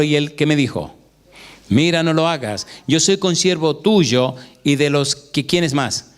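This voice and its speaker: A man preaching a sermon who keeps asking the congregation questions and quotes scripture in a slow, drawn-out cadence. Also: on the high side. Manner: asks the congregation call-and-response questions.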